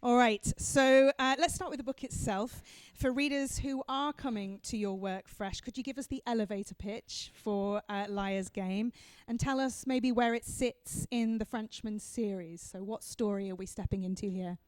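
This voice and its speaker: A woman's voice: fairly high pitch, moderate pace, smooth, no room sound. A woman hosting a live on-stage interview, introducing her guest with effusive enthusiasm. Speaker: host and interviewer.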